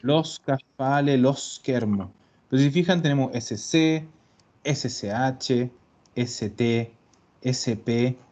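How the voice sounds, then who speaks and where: A man teaching an online language class, explaining patiently and slowing down to repeat example words. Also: mid-range voice, a little mellow. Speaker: Italian teacher. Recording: dull lo-fi recording.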